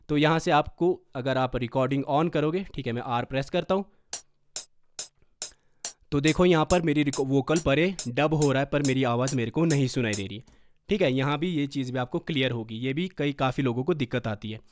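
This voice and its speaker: A man teaching music production software step by step in a home studio, checking in with listeners as he goes. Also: mid-range voice. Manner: explains step by step, often adding a checking "okay". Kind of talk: screen-recorded software tutorial. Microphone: studio condenser mic.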